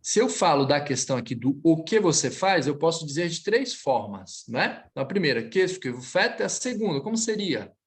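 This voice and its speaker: Animated man teaching French. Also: a little high. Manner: lively, switches between Portuguese and French, slows to model phrases. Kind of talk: online class correcting students.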